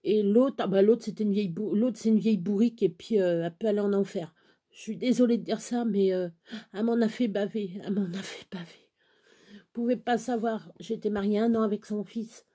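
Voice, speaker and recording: A woman's voice: medium pitch, fairly even intonation, a little fast, warm tone, breathy edge. A woman in her forties chatting to her viewers in a blunt, earthy way, swinging between laughter and tears. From France. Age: 40s. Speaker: crafting vlogger. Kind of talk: casual chat to camera.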